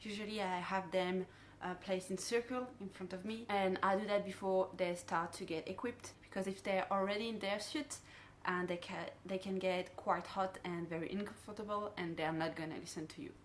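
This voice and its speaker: With a steady tone, moderate pace and few pauses, a French-accented woman in her role as dive guide and instructor briefs divers directly on safety. Her voice is medium-pitched, her English phrasing non-native, and a little hiss or hum is audible.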